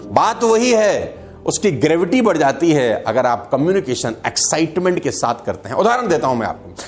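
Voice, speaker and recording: A man's voice: on the high side, big pitch swings, normal speed, soft background music. A man giving an emphatic motivational talk who acts out quotes and jokes. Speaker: motivational speaker.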